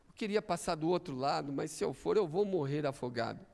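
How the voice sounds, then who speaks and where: A man's voice: on the high side, lively intonation, brisk, vocal fry, a little mellow, voice pushed down. A man voicing a sly, pleading male scorpion in a fable told during a sermon, coaxing and wheedling. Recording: echoey church hall.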